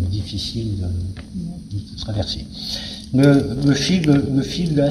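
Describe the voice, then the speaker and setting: A man speaking as a venue director in an interview, explaining things in a hesitant, searching way. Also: mid-range voice. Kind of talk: spoken interview about a cultural season. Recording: noisy, very reverberant hall.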